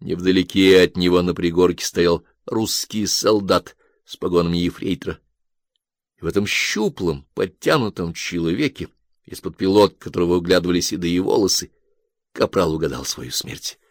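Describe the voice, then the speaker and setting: A man narrating a story in a measured, even reading style. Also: sits low, no echo, studio quality. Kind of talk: audiobook narration.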